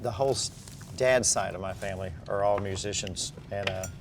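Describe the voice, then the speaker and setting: A man who plays bass in a band, casually telling stories over lunch. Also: steady tone, fairly quick, heavy background noise. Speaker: bass player, band member. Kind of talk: casual storytelling. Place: restaurant.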